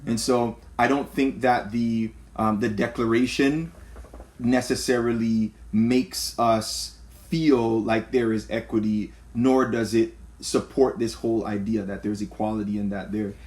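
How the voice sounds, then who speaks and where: A man's voice: lowish voice, fairly even intonation, darkish tone. A man, a pastor, speaking reflectively in a discussion, with frequent fillers. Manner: measured, reflective, many fillers. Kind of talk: conversational discussion.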